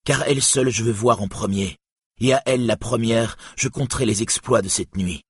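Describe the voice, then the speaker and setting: Audiobook hero, a man voicing him, proud, wrathful, commanding, husky, dry sound. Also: mid-range voice, moderate pace, no room sound, pitched above the performer's own voice.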